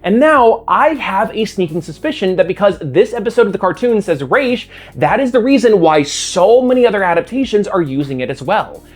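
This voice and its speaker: A man's voice: sits high, very animated, a little fast, few pauses, soft background music. An American man hosting a scripted video essay with a sarcastic, self-mocking know-it-all manner. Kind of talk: scripted commentary.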